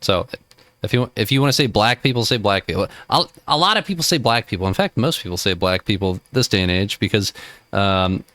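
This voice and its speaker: A man's voice: on the low side, lively intonation, a little fast, a bit bright, no room sound. A man hosting a reaction video, giving rambling casual commentary over a clip.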